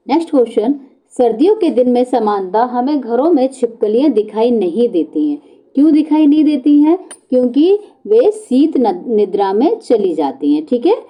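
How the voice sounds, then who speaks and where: A woman teacher with a notably dark, mellow voice pitched a little high walks young students through quiz answers. She keeps asking the class rhetorical questions and answering them herself, repeating each answer. Her voice settles lower whenever she confirms the correct option. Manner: repeats key words and answers, calls out options to children. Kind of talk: exam-prep lesson walking through multiple-choice questions.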